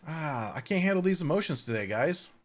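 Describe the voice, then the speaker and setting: A man's voice: a little high, big pitch swings, brisk. A man giving casual, chatty gameplay commentary at home, swearing offhandedly and cooing at his cat. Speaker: Minecraft streamer.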